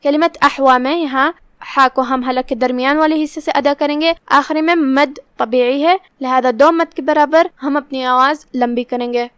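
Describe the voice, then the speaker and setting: High-voiced woman teaching recitation rules. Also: steady tone, fairly bright tone, dry recording, clean studio sound. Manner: explains rules step by step, then recites slowly. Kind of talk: tajweed lesson.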